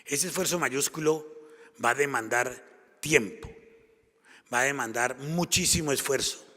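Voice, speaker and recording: With a Colombian Spanish accent, this man from Colombia lectures at a conference, his medium-pitched voice pushed and bright but unhurried. He makes his case emphatically, repeating phrases to build momentum. The conference hall gives the audio a long reverb.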